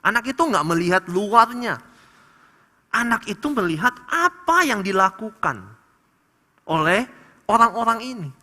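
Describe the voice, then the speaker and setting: A man with a Manado accent preaching a sermon, animated and acting out little dialogues between parents and children. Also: high voice, measured pace, long pauses. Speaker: pastor. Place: large church hall. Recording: long church hall reverb.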